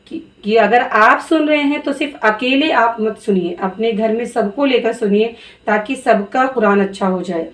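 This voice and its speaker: A woman teaching Quran reading, spelling out letters slowly and patiently before blending them into words. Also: on the high side. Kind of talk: slow spelled-out recitation lesson.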